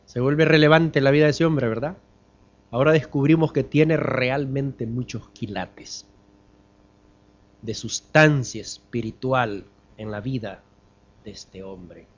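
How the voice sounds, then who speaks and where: A man preaching a sermon as pastor, asking the congregation questions and swinging from loud emphatic lines to hushed ones. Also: mid-range voice, slow, highs cut off. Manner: addresses the congregation as brothers.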